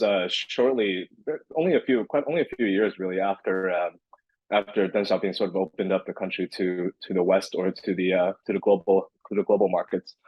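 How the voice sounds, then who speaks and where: This fairly low-pitched male voice belongs to a thirty-something crypto entrepreneur guesting on a podcast. Born in California but raised in Beijing, he replies loosely, restarting often and leaning on fillers. The recording is dry, with the highs cut off.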